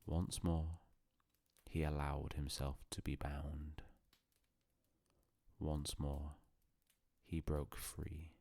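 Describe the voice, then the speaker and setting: Very deep, slow bedtime storyteller man. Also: level tone, gravelly, no echo. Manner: hushed, solemn, unhurried with long pauses. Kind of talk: calm bedtime storytelling, scripted narration.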